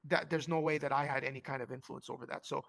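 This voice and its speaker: A man, a company co-founder, telling a story in a casual interview, animated and full of fillers. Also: mid-range voice, fast, gravelly. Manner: animated, acts out quoted voices, lots of fillers.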